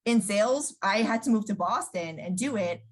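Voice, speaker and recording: A New York woman chats casually as an interview guest, telling stories packed with fillers and acting out the voices she quotes. Her voice is medium-pitched and animated, at a normal speed.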